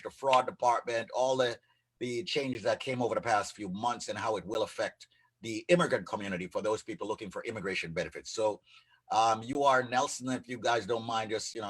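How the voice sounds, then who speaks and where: A man co-hosting a live legal radio show, joking in lively banter. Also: fairly low pitch, husky. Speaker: co-host, immigration attorney.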